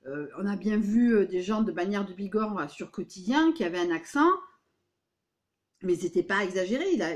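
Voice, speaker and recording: Woman w/ a southwest french accent, béarnais-ish, rambling on at home to her viewers, emphatic, mid pitch. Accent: southwestern French, Béarnais-tinged. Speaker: vlogger. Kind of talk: casual vlog monologue. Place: at home indoors.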